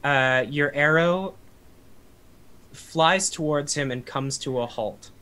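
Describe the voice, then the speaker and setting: A young man narrating a tabletop game as game master, relaxed, with many fillers. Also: on the high side, takes it slowly, clean tone. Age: young adult.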